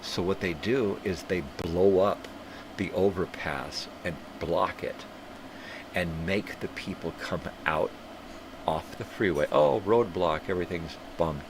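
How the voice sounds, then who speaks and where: Sniffling with a cold, an older livestream host drifts through casual, profane tangents in a low voice, taking it slowly. There's a clear hum in the background.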